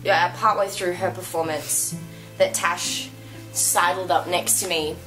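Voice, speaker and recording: Gushing woman, lower voice, music behind. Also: steady tone, a little slow, a bit bright, poor audio. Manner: gushing, emphatic. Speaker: co-host reviewing a dance show. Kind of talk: casual chatty review.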